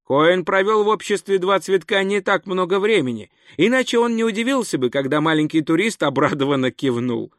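A man reading an audiobook as narrator, telling the story in a measured, wry manner. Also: sits high, lively intonation, fairly bright tone, dry recording, studio quality. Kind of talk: scripted narration. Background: faint music.

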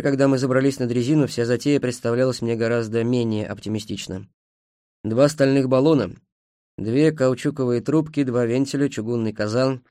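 A man's voice: medium pitch, dark tone, dry recording. A man narrating a novel in a dry, ironic tone. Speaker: audiobook narrator.

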